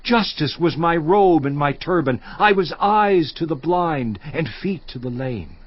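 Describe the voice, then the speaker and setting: A man's voice: a little high, lively intonation. A man voicing Job, grave and lamenting. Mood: wistful. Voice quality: slow, solemn declamation. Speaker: dramatized Bible character. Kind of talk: dramatized scripture reading. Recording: dull lo-fi with music underscore.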